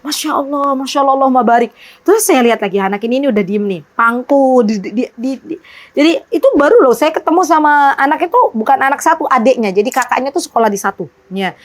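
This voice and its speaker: Animated woman teaching, higher voice. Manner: animated storytelling, rhetorical questions to the audience; often exclaims religious phrases. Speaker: Islamic teacher. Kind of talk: religious parenting talk.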